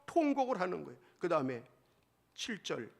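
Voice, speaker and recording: A male pastor preaching a sermon emphatically, swinging between loud exclamations and hushed asides. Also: sits high, very animated, moderate pace, vocal fry.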